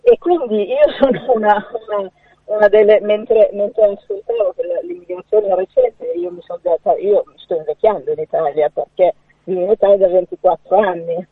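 A middle-aged woman speaking haltingly as an association representative in a live radio interview over a poor phone line. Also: mid-range voice, animated, breathy edge, no room sound. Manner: halting, repeats words. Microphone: phone call. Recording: muffled phone line, hard to hear.

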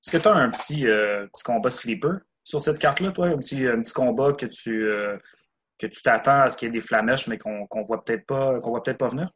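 A man whose pitch sits in the ordinary middle range for a man. He speaks in a relaxed, conversational way, agreeing and putting questions to his co-host. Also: brisk. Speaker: MMA podcast co-host. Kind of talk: casual sports chat.

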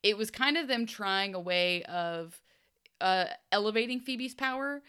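A young woman co-hosting a podcast, recapping a TV episode in casual chat, animated and chatty with playful asides. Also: medium pitch, unhurried, smooth. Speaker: podcast co-host.

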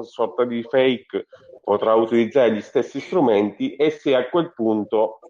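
A man calling in over a Bluetooth earpiece with lo-fi audio, asking a question in a hesitant way with many fillers. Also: on the low side. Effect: lo-fi audio over a Bluetooth earpiece call. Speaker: caller joining the live discussion. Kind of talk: asking a question on a live stream. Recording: dull lo-fi call audio.

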